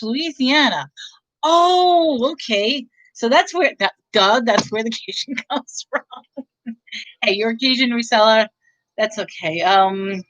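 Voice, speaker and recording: A middle-aged woman with a New York accent hosts a reseller livestream, chatting casually with viewers. Her voice is on the high side and a bit bright, but the dry recording sounds muffled. She rambles and often corrects herself.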